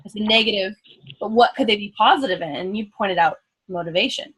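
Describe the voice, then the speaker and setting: A woman's voice: mid-range voice, brisk, fairly bright tone, husky, poor audio. A woman coach trainer leading a live coaching demonstration, curious and probing, with an upbeat way of asking questions.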